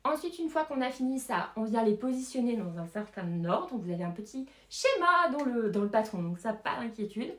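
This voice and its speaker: A woman's voice: fairly high pitch, sing-song, a little fast, hardly any pauses, echoey room. A woman chatting casually through a knitting pattern review, hesitant, with many fillers and small laughs. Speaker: knitting vlogger.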